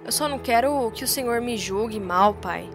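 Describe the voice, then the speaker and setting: A woman voicing a timid, anxious young man in a retold soap-opera scene, pitching her voice up to plead and protest. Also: moderate pace, over music, close to an everyday voice. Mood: defiant.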